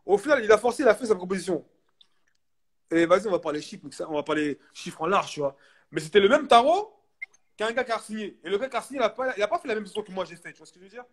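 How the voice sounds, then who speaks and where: A young man chatting casually as a guest, telling a story in animated street slang and repeating himself for emphasis. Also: sits high, quick pace, husky. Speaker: guest, basketball player.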